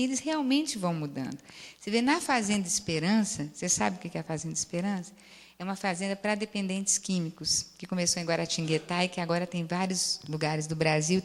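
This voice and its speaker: A therapist with a Brazilian accent and a medium-pitched voice gives a lecture with anecdotes and audience Q&A. She tells case stories lively, acting out the dialogue and often adding "né?", and the lecture hall gives the recording a long reverb.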